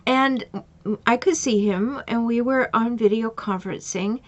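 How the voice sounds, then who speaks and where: A woman's voice: a little high, a little slow. A middle-aged woman coach giving advice in an earnest, emphatic way, repeating questions for effect. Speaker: relationship coach. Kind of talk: advice talk with retold conversations.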